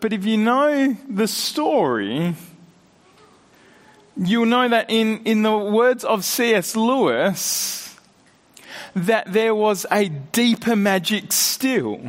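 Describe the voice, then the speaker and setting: Slow-preaching man in a reverberant church. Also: extremely high pitch, a bit bright. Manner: earnest, halting with repeated restarts. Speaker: pastor. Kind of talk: sermon.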